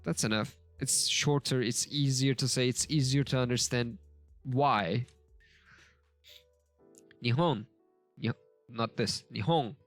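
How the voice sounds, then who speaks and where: Slow, halting man thinking aloud. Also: mid-range voice, no echo, soft background music. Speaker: language learner teaching a lesson. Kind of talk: casual screen-share lesson commentary.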